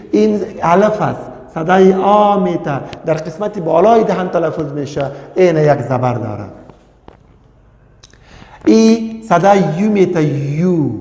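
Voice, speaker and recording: A male language teacher. He explains step by step and drills example words slowly and repeatedly. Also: a little high, creaky, warm tone. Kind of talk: recorded language lesson. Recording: echoey room with long reverb.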